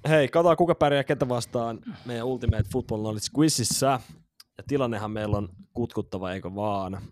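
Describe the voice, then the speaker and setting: A man's voice: medium pitch, darkish tone, dry recording. A man co-hosting a casual football podcast, bantering and teasing his friends during a quiz. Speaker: podcast co-host.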